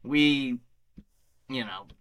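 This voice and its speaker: A man in easy podcast chat, his voice bright and forward, at a middling pitch. He rambles through stories with a self-deprecating streak. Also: very slow. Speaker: podcast co-host. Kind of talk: casual chat.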